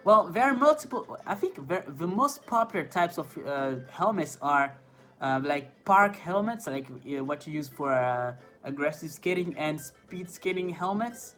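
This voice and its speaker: His voice is on the high side, bright and forceful, with lively intonation and an unhurried pace. A native French speaker from France with a French accent, this inline skating streamer reads chat questions aloud live, hesitating with fillers and laughing often, over faint music picked up by his phone.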